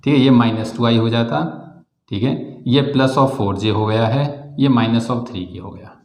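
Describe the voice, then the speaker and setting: A man with an Indian accent teaching a physics class, explaining step by step, calling students "beta" and slowing down to dictate definitions. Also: medium pitch, a little mellow, echoey room. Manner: slow, spelled-out dictation of definitions. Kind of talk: classroom lecture.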